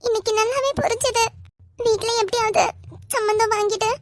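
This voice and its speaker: A woman's voice: extremely high pitch, fairly even intonation, a little fast, dry recording, studio quality. A woman voicing a kind young wife who comforts and reassures her friend, with a Kanyakumari Tamil accent, in a cartoon love story. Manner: soft, caring, reassuring.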